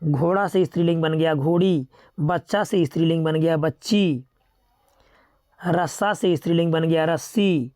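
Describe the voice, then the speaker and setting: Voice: mid-range voice, moderate pace, no room sound, clean studio sound. A teacher giving a grammar lesson, steadily reading out word pairs and often stopping to remind students to remember them. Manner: steady, methodical listing with repeated reminders to remember.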